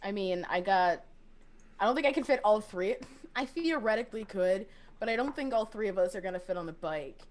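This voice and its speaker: A woman's voice: mid-range voice, animated, a little fast. A woman playing a tabletop game in a chatty way, full of "like", acting out her character's lines. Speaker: player. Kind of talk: casual tabletop game play.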